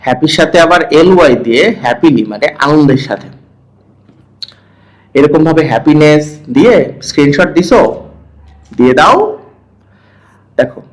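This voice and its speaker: A man teaching a primary-school English lesson, reading each English phrase and explaining it, often checking in with a quick question. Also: on the high side, low-quality recording. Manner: reads English phrases and translates each, asking "hmm?" to check. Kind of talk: online lesson, explaining textbook exercise.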